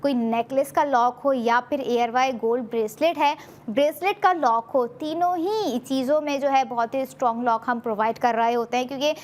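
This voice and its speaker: A woman with a Pakistani Urdu accent hosting a TV shopping show, giving a persuasive sales pitch full of fillers. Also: moderate pace. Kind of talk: TV shopping presentation.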